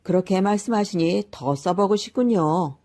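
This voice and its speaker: A woman's voice: lively intonation, moderate pace, dark tone, lightly acted. A woman voicing a lazy young man who has been turned into an ox, speaking in a raised, pleading voice. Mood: curious. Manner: high, pleading, panicky exclamations.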